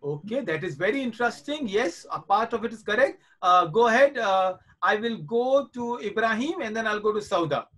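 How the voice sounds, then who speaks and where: A man's voice: sits high, expressive, normal speed, hardly any pauses, sharp tone. A man in his forties teaching children in a live online class over a video call, reassuring and coaxing them and repeating his points. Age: 40s.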